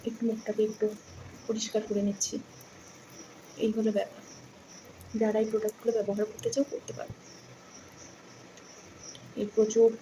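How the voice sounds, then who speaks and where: A woman chatting casually in a home vlog, rambling and speaking softly because others are asleep. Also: mid-range voice, a little hiss or hum, poor audio. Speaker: vlogger.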